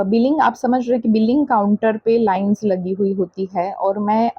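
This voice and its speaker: A woman's voice: mid-range voice, breathy edge, no room sound, lo-fi sound. A woman, a mother, telling a vlog story about an upsetting incident in an indignant, casual way. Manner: indignant, recounting an incident with quoted dialogue. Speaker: vlogger, mother.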